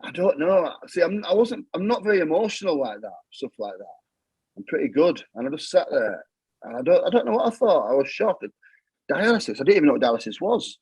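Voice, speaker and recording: Husky Yorkshire man telling his story. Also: a little high, animated, fairly quick, a little mellow, no echo, poor audio. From England. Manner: plain-spoken, repeats himself, matter-of-fact. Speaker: guest. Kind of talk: casual storytelling.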